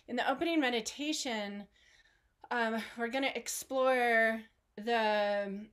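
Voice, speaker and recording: A woman's voice: a little high, a bit bright. A woman hosting an online group, telling a story in a casual, rambling way full of fillers and small laughs, speaking into a video call microphone from home. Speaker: online art studio host.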